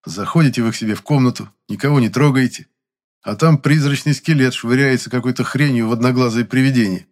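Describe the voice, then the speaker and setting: A man narrates a first-person audiobook at a medium pitch. His delivery is even and dry, plain storytelling. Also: fast talker.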